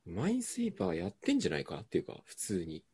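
A man's voice: low-pitched, wildly swooping pitch, very fast, vocal fry, dark tone, slightly rough. A man co-hosting a casual comedy chat, easygoing, mostly agreeing with short replies and adding dry asides. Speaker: co-host.

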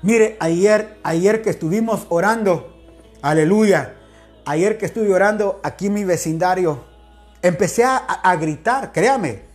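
A man pastor giving a daily sermon from home, loud, extroverted and exclamatory, with many direct appeals to the listener. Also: sits high, a little slow, soft background music.

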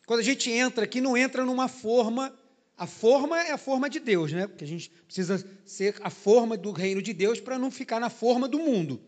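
A man's voice: very high voice, lively intonation, fairly quick. A man, a pastor giving a sermon in a church in a loose, conversational way, often tagging his sentences with "né?". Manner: conversational preaching, frequent "né?" tag questions. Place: church hall.

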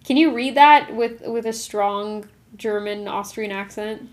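Young woman cohosting a podcast, kinda high voice, chatty and laughing a lot. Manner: lively, quick to laugh, playful outro. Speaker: podcast co-host. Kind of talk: casual podcast chat.

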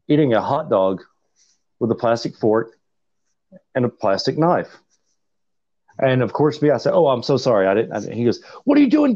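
A man's voice: fairly low pitch, warm tone. A man co-hosting a casual podcast, laid-back and blunt, telling a crude anecdote. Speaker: podcast co-host. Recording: dull lo-fi sound.

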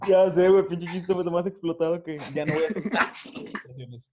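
A young man with a Mexican Spanish accent, making quick slangy wisecracks in a casual podcast chat. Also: fairly high pitch, a little hiss or hum. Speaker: podcast co-host. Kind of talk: casual chat among friends.

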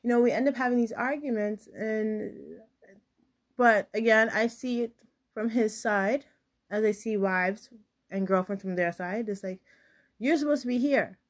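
A woman's voice: medium pitch, unhurried. Chatty woman chef telling kitchen stories. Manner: chatty, animated when quoting others. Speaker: podcast host and chef. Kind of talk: casual storytelling monologue.

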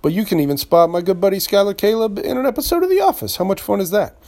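A man's voice: high-pitched, expressive, quick pace, darkish tone. A man hosting a solo podcast from home, talking in a rambling, chatty way full of asides. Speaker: podcast host. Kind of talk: solo casual podcast monologue. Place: home room. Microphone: podcast microphone.

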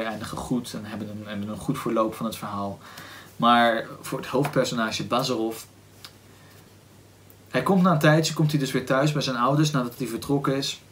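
A man with a Dutch accent hosting a book podcast, talking casually and thoughtfully, often pausing to search for words with "ehm" and restarts. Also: medium pitch, a bit bright, slight background noise. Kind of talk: casual book discussion with read-aloud passage.

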